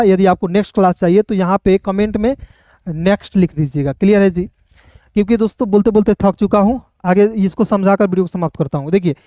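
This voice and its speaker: Guy teaching english online, dark mellow voice, slow sound-by-sound drills, keeps asking if it's clear. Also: high voice, no echo, clean studio sound. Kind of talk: online lesson.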